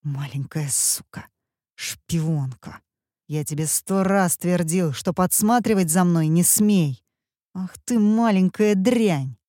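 A woman's voice: fairly low pitch, slow, warm tone, no echo, studio quality. A woman reading an audiobook, voicing a handsome young male villain who snarls in desperate, anguished outbursts. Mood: raging.

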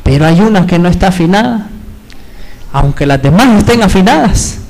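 A man's voice: lively intonation, moderate pace, vocal fry, poor audio. A male pastor preaching a sermon, addressing the congregation as brothers and asking constant rhetorical questions. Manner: emphatic, with shifting pitch and loudness.

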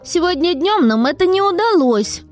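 A woman voicing a timid young boy with a squeaky, pleading voice in a storybook reading. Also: very animated, normal speed, faint music behind. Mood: scared.

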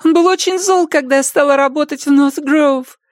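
A man voicing a frightened, tearful young woman in an audiobook, shrill and pleading. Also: moderate pace, no echo, clean studio sound. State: crying. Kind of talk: audiobook character reading.

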